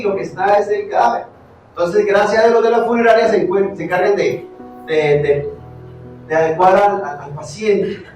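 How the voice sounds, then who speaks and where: A man with a Colombian accent preaching a sermon as pastor, animated, asking the congregation questions and swinging from loud to hushed. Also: sits high. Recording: very echoey hall, distant mic, faint music.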